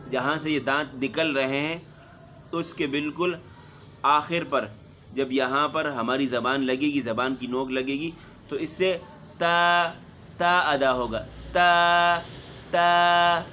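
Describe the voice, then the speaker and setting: A middle-aged man teaching Quran recitation, explaining steadily and then sounding out single letters loudly again and again. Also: medium pitch, slight background noise. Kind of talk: spoken Quran pronunciation lesson.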